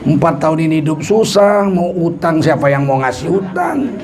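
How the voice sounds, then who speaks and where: A man's voice: on the high side, big pitch swings, normal speed, crowd noise, voice pushed down. A man voicing a distraught male karate teacher who pleads and laments, in a noisy recording. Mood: despairing.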